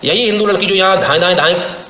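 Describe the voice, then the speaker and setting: A man's voice: sits high, fast, sharp tone, echoey room, slight background noise, poor audio. A man doing live commentary on a stream and reading viewer comments, talking emphatically with rhetorical questions and sarcastic laughs.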